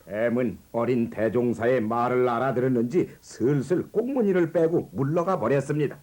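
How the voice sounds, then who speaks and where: A man narrating a children's animated biography in a gentle, measured storytelling manner. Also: medium pitch. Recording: narration over background music.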